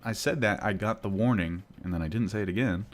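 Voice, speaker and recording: A man's voice: fairly low pitch, fast, a little hiss or hum. A man streaming live as a day trader, muttering and grumbling to himself with sarcastic asides as he trades. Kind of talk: live-stream commentary while trading.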